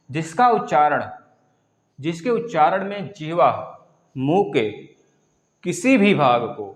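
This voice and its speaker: Male tutor, somewhat raised pitch, drills terms over and over, roomy echo. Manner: instructive, repeats key terms, addresses students as friends. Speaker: teacher. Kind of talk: online exam-prep lesson. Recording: echoey room.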